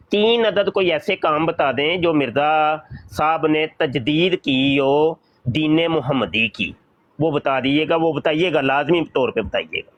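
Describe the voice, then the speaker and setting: A man, a mufti, arguing a religious point in a debate, deliberate and pressing, correcting his opponent's words. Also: on the high side, no echo. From Pakistan. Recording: dull, lo-fi sound.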